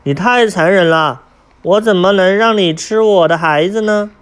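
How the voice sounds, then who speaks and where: A man's voice: high voice, normal speed, clear, resonant tone, pitched above the performer's own voice, lightly acted. A man voicing a desperate mother crow who pleads tearfully for her chicks in a storybook reading. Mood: pleading.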